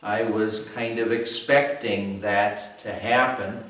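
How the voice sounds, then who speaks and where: A male pastor delivering a devotion at an unhurried, deliberate pace. His voice rings out in a very echoey space and sounds a little distant from the mic. He tells his story plainly and then turns earnest and reflective. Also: fairly low pitch, fairly even intonation, a bit bright. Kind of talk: devotional sermon.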